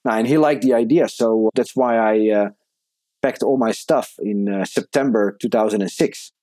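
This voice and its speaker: A Dutch man in his thirties, a native Dutch speaker and entrepreneur, speaks conversationally as a podcast interview guest. His voice is lowish and dark, at a normal speed, recorded with no room sound.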